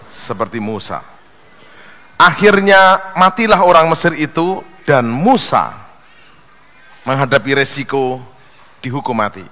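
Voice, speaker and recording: A man preaches a sermon in a slow, unhurried rhythm, his voice bright and swinging widely in pitch. He tells jokes, acting out the characters, then leads the congregation in repeating his lines. A long reverb from the large church hall trails each phrase. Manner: animated joke-telling, acts out voices; leads congregation call-and-response. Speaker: pastor.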